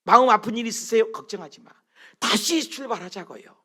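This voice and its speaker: A man's voice: high voice, expressive, brisk, bright, forceful tone. A middle-aged man preaching a sermon as pastor, telling stories with animation and throwing questions at the congregation.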